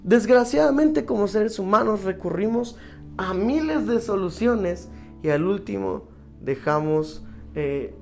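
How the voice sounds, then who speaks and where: A man's voice: on the high side, a little mellow. A man preaching a sermon who keeps checking in with his listeners through rhetorical questions.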